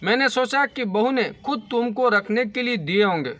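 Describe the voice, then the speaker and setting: A man's voice: extremely high pitch, lively intonation, moderate pace, fairly bright tone, no room sound. A man voicing a stern, fair-minded father-in-law who speaks firmly and with authority in a spoken story. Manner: firm, authoritative.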